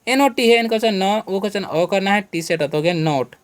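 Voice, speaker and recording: A man's voice: sits high, fast talker. Patient man teaching spelling and pronunciation. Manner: asks rhetorical questions and then answers them; spells out words letter by letter. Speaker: English teacher, channel host. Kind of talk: spoken English lesson for beginners.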